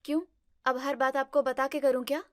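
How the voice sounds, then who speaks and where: A pouting young wife and vlogger, acted by a woman talks in a brightish, higher voice, quick to take offense. The sound is dry and close to the mic, with no room echo. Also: flat delivery, natural voice. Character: young newlywed wife, touchy social media vlogger. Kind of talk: family drama acting.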